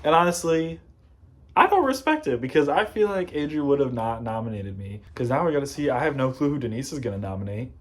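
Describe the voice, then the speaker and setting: A man contestant giving a frank confessional, talking quickly and bluntly. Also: mid-range voice, big pitch swings. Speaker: game show contestant. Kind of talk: confessional talk to camera.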